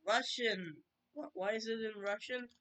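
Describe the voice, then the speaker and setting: Reaction commentator, sarcastic and baffled, slow delivery, bright tone. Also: medium pitch. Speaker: video commentator. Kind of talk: reaction commentary over a video.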